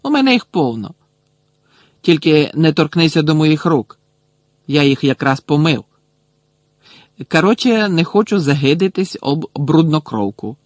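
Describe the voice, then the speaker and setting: A man voicing a spiteful, sneering teenage schoolboy bully who taunts loudly and mockingly. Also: on the high side, big pitch swings, measured pace, pauses often, no room sound, clean studio sound. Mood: taunting. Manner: mocking, taunting, loud and jeering.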